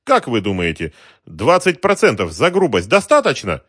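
In a full character voice pitched above his natural one, a man plays a sly, polite, middle-aged racketeer in a suit, mocking a shopkeeper with cold courtesy. The medium-pitched voice is a bit bright and husky, swooping wildly in pitch at a moderate pace, with clean, echo-free studio sound.

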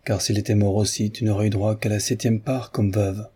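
A man's voice: fairly low pitch, flat delivery, brisk. A man doing a sly peasant woman. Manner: quiet, smooth, insinuating. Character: sly calm peasant woman, feigning humility.

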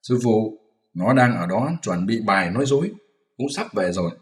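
A man voicing a sharp, mocking monkey-king disciple who teases and scolds, in a storybook reading. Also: fairly low pitch, animated, moderate pace, close to an everyday voice. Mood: teasing. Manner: scolding, teasing, commanding. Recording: roomy echoey room.

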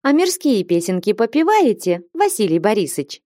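A woman's voice: medium pitch, sing-song, normal speed, mellow, dry recording, clean studio sound, natural voice. A woman voicing a bold, teasing young woman novice in a storybook reading.

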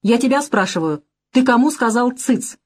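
A blunt, defiant young man with a thief's past, from an audiobook, read by a woman. He talks hard and slow, pressing each word, his tone raised. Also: fairly high pitch, animated, voice pushed up. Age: young adult.

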